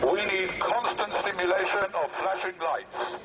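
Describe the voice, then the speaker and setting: A man speaking through a megaphone on a busy outdoor square, making formal, deadpan mock public announcements. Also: sits high, a little slow. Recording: muffled megaphone with street noise.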